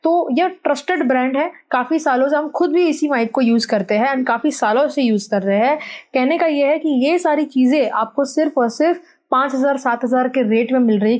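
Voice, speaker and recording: A woman's voice: high-pitched, a little mellow. A young woman chatting casually as she reviews a microphone, explaining things step by step and mixing English phrases into her talk, recorded on a lapel mic indoors. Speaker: content creator reviewing a microphone. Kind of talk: casual product review vlog. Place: indoor room with fan and AC running. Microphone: wireless lapel mic.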